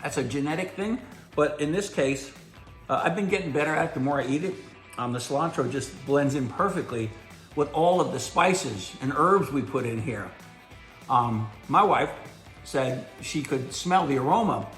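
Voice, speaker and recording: A middle-aged man hosts a casual outdoor vlog, tasting his cooking and praising it in a folksy, enthusiastic way. His voice sits a little high. The room echoes, and faint music plays underneath. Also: lively intonation, moderate pace, fairly bright tone. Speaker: host.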